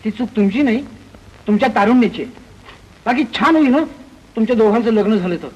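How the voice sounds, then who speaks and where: A teasing easygoing friend. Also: male voice, high-pitched, expressive, fast talker, a little mellow, husky, dull audio. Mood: bantering. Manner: teasing, bantering. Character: joking young male friend, teasing and easygoing. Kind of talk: 1950s film acting.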